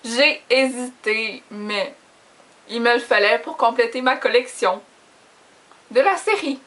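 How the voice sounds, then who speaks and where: Slow and a bit bright, a young woman's fairly high voice carries her Quebec French accent. She's a book vlogger chatting informally to camera, laughing easily and teasing herself.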